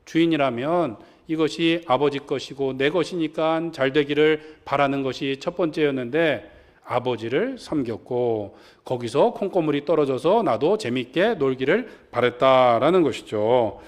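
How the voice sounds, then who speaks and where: A man's voice: medium pitch, expressive, normal speed. A male pastor preaching a sermon in church, asking his congregation questions as he retells a story. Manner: asks the congregation questions and acts out quoted lines. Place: church sanctuary.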